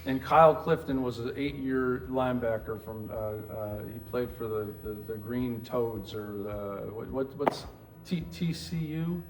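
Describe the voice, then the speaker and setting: Middle-aged man telling his story haltingly. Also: mid-range voice. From New Hampshire. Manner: rambling, halting, with many restarts. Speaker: guest, former pro football player. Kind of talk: casual interview storytelling.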